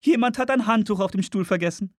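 A man voicing a fussy, pushy middle-aged woman looking at a flat, in a raised falsetto. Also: fast, dry recording, studio quality, lightly acted. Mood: prim. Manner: high, prim and pushy.

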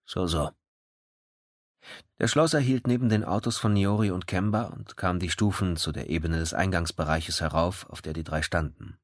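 A man reading a crime story aloud in measured, even audiobook narration. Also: low voice, no echo, studio quality.

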